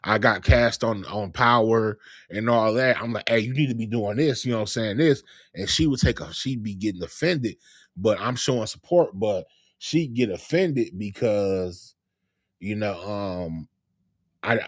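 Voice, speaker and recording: A middle-aged man, a comedian hosting a live talk show, talking in a relaxed, rambling way. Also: lowish voice, unhurried, dry recording, clean studio sound. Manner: relaxed, rambling, lots of fillers. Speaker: podcast host, comedian. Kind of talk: casual chat.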